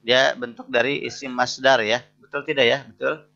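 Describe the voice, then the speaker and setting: A male lecturer runs an interactive class, reading Arabic phrases slowly and explaining each one. His voice is bright with a gravelly edge. The audio is dull and lo-fi, as from an online class. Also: mid-range voice, flat delivery. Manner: reads Arabic phrases slowly, then explains each one, keeps asking "betul tidak?". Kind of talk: interactive lesson.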